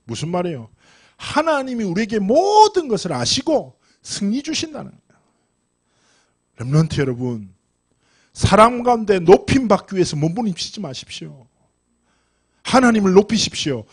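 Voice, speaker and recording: Animated high-voiced male youth pastor. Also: normal speed, breathy edge. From Korea. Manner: animated, swings from hushed asides to loud exhortation. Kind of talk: lively youth sermon.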